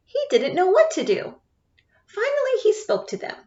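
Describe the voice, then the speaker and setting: A woman teacher reading a picture book aloud to children, expressive and often asking them questions. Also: very high-pitched, normal speed, reverberant. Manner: expressive, asks listeners questions. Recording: dull lo-fi sound.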